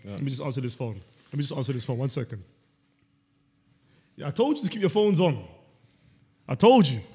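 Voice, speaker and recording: A man hosting a casual comedic podcast chat, teasing his guest and telling animated stories. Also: medium pitch, a little fast, slightly rough, soft background music. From Senegal. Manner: playful, teasing, animated storytelling. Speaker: podcast host. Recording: roomy long reverb.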